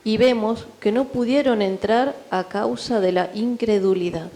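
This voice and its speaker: A woman reads scripture aloud in a church. Her voice is mellow and warm, at a mid pitch. She keeps a steady, measured delivery. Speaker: scripture reader. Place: church sanctuary.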